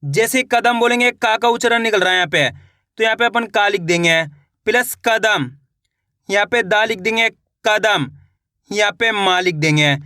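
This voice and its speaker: A man with a high, bright voice teaches reading, sounding out every syllable slowly and asking a question before giving the answer himself. He is recorded close up in a dry room with no echo. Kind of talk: slow spelling lesson.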